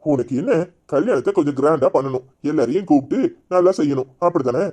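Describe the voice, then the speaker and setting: A young village groom-to-be in a cartoon, voiced by a man, talking fast and coaxing in a warm, mellow tone. He lectures gently and promises to smooth things over. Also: fairly high pitch, natural voice. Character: mother-obeying young groom-to-be. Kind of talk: cartoon voice acting.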